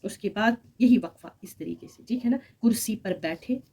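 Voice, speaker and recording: A woman's voice: medium pitch, normal speed, mellow. A woman teaching Urdu grammar with an Urdu accent, explaining patiently and speaking examples aloud. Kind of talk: recorded grammar lesson.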